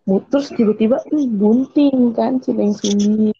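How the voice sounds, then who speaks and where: A young woman rambles through a folk tale, losing her thread and fixing it. Her voice is mellow and slightly husky. The recording is dull and lo-fi in a dry space. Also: fairly high pitch, unhurried, no room sound. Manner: rambling, loses track and corrects herself. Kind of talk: casual chat retelling a folk tale.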